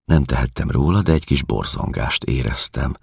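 A man reading a novel aloud in a measured, expressive way. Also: very deep voice, vocal fry, husky, no echo, studio quality. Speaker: audiobook narrator. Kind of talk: scripted novel narration.

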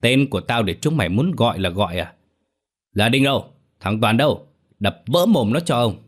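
A man voicing a cruel, domineering old village elder who barks orders in a hoarse voice, in a horror story. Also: mid-range voice, animated, normal speed, lightly acted. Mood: furious. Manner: barking orders, vulgar abuse.

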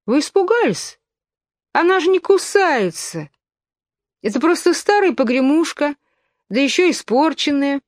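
A woman's voice: high-pitched, big pitch swings, unhurried, pauses often, no room sound, studio quality, voice pushed up. A woman voicing Alice, a curious, polite young girl who turns indignant when argued with, in a storybook reading. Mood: earnest.

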